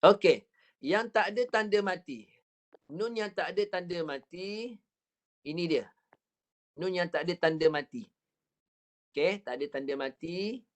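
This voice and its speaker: A man's voice: high voice, lively intonation. Malay man teaching recitation patiently. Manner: patient, repetitive drilling with counted practice and demonstrations; stretches words very slowly when showing the recitation. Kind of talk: online recitation lesson. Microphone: computer mic on a video call.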